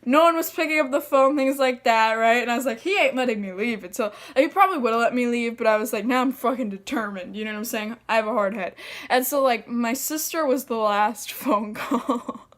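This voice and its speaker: Young woman, casual storytelling, swears a lot, lots of fillers, slightly high voice. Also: brisk, a bit bright. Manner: chatty, profane, full of fillers. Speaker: vlogger.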